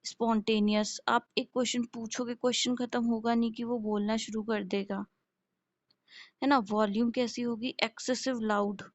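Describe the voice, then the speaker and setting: A woman's voice: on the high side, flat delivery, normal speed, no echo. A woman nursing lecturer giving a classroom lecture, explaining step by step, posing questions and answering them herself, and checking in with her listeners. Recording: dull lo-fi recording.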